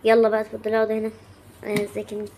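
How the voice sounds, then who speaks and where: A woman voicing a bossy schoolteacher who calls out commands to the class loudly. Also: mid-range voice, completely flat delivery, rapid-fire, a little hiss or hum, natural voice. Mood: commanding. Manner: loud, commanding.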